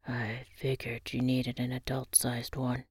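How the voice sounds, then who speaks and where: A woman voicing a gruff, tender old fisherman grandfather in a hushed, breathy voice for an audio story. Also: extremely low pitch, monotone, unhurried, dry recording, voice pushed down, heavily acted. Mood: modest, gruff.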